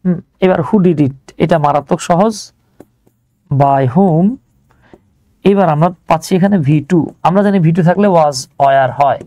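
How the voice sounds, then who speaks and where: In a live online grammar lesson, a Bangladeshi man explains things step by step in an informal way, often asking a question and then answering it himself. His fairly high, mellow voice is recorded close and dry at a measured pace, with no room sound.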